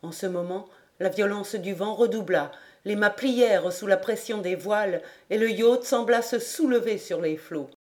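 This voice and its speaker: A woman's voice: mid-range voice, moderate pace. Woman reading a classic adventure novel. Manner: steady, expressive reading. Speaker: audiobook narrator.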